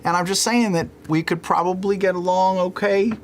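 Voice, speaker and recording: A woman's voice: lowish voice, fairly even intonation, a little fast, a little hiss or hum, lightly acted. A woman playing an earnest, folksy old prospector in a tabletop role-playing game. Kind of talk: improvised tabletop role-play.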